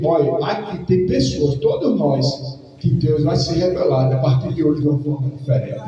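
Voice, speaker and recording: A pastor preaching a lively sermon to his congregation, swinging between loud calls and quiet asides. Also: sits high. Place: church hall. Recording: echoey hall, distant mic, faint music.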